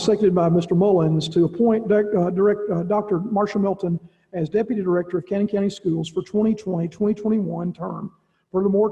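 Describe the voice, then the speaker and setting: At a school board meeting, the director of schools, a man, gives rambling, folksy remarks full of restarts. His voice is high-pitched with a dark tone, and the audio is dull and lo-fi in a reverberant room.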